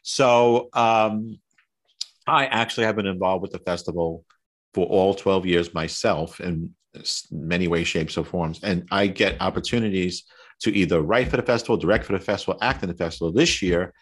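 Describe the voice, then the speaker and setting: Long island guy hosting a podcast, real low voice, joking around at himself, lots of ums. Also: normal speed. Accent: Long Island New York. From Long Island, New York. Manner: jokey, self-mocking, chatty with fillers and restarts. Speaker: podcast host. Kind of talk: casual podcast interview.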